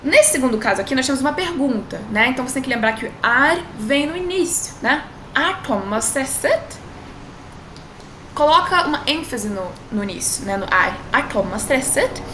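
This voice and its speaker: Bright-voiced woman teaching in an echoey room. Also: high-pitched, animated. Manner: chatty, drawn-out model phrases, frequent tag questions. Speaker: language teacher. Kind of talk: online language lesson. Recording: echoey room with faint noise.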